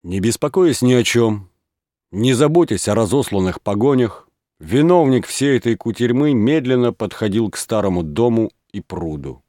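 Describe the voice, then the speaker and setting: A man reading a classic story aloud in measured audiobook narration. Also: on the low side, warm tone, no room sound, clean studio sound.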